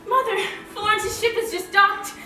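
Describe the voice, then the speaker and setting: A woman's voice: very high-pitched, steady tone, normal speed, bright, forceful tone, faint music behind, heavily acted. A woman playing an eager, concerned daughter in a stage play. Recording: very echoey, distant stage mic.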